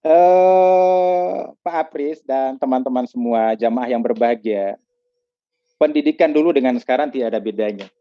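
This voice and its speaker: A man's voice: mid-range voice, moderate pace, dry recording. A male Islamic preacher from Gorontalo with an Indonesian accent, preaching emphatically in a Ramadan talk, repeating words and acting out exchanges. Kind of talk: Ramadan sermon in a talk-show interview. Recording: dull lo-fi sound, dry.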